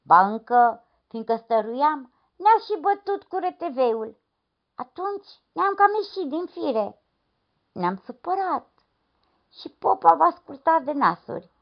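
A man's voice: very high voice, sing-song, gravelly, pitched above the performer's own voice, full character voice. A woman voicing a grieving peasant man who has lost his nose, speaking in an agitated, lamenting way. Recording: dull lo-fi recording.

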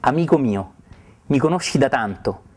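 The Buddha speaks as a serene, gentle master, voiced by a male teacher. He addresses his companions calmly and with quiet kindness. The voice sits at a middle pitch. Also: normal speed, lightly acted. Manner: calm, gentle.

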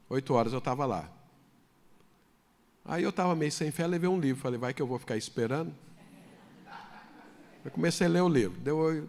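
A man pastor telling a personal story in a sermon, then building to loud, fervent preaching. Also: medium pitch. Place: church hall. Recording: long hall reverb.

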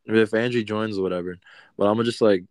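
A man's voice: on the low side, steady tone, brisk, no echo. A young man hosting a casual podcast, talking in slang, swearing and laughing a lot. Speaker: podcast host. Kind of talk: casual chat.

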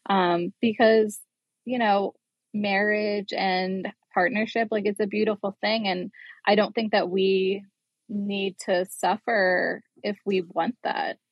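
A woman's voice: medium pitch, flat delivery, takes it slowly, breathy edge, no echo. A woman in her thirties co-hosting a podcast, talking earnestly in a chatty way and filling her speech with "like.". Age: 30s. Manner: chatty, earnest, heavy use of "like". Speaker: podcast co-host. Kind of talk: casual interview chat. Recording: dull lo-fi sound.

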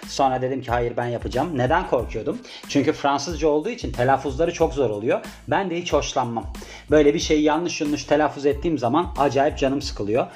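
A man's voice: a little high, darkish tone. A young man talking casually and rambling through a biography video, with jokey asides and bits of talking to himself. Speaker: vlogger presenting a celebrity biography. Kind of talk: casual chatty monologue.

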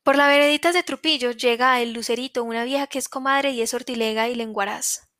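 A woman's voice: a little high, steady tone, fairly quick, fairly bright tone, dry recording, studio quality. Solemn woman reading a story. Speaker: narrator.

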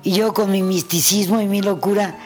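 A woman's voice: mid-range voice, moderate pace, faint music behind. A woman, a pianist, telling anecdotes in an interview, acting out the voices in her stories. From Mexico. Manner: animated storyteller who acts out the voices in her anecdotes. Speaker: pianist guest. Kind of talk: storytelling in an interview.

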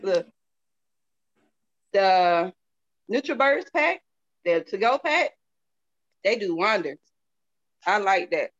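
A Southern woman from the US speaks in a mid-range, very animated voice at a slow pace with long pauses, chatting casually and candidly in a folksy way and repeating phrases for emphasis. She's an interview guest selling a product, giving a casual testimonial. The audio is dull and lo-fi.

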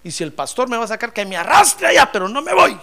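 A man's voice: high voice, lively intonation, very fast, bright, forceful tone, pitched above the performer's own voice. A man voicing a desperate woman who pleads tearfully and says she is worn out. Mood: pleading.

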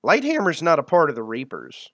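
A man playing a tabletop role-play game, talking bluntly and excitably about what his character would do. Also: fairly high pitch, fairly quick, no echo, studio quality. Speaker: player.

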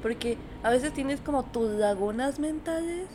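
Young woman cracking jokes on a podcast, highish voice. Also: animated, noisy background. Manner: joking, quick interjections. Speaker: podcast co-host. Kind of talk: casual podcast chat.

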